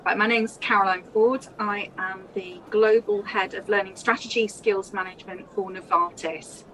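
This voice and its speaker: A woman's voice: mid-range voice, fairly even intonation, moderate pace, fairly bright tone, low-quality recording. A woman giving a conversational interview answer as a conference speaker. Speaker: conference speaker, learning executive. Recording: live at event, faint noise. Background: venue ambience.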